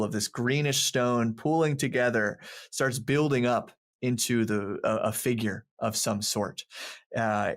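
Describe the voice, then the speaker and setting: A man narrating a tabletop game as game master, describing scenes in a rambling way full of fillers and laughs. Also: medium pitch. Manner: laughs often between descriptions.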